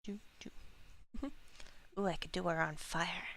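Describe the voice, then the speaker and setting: Australian woman streamer, slow casual chat, gravelly, animated, goofy sound words. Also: lowish voice, dry recording. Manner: playful, makes silly sound words. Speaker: art streamer. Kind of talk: casual live-stream chat while drawing.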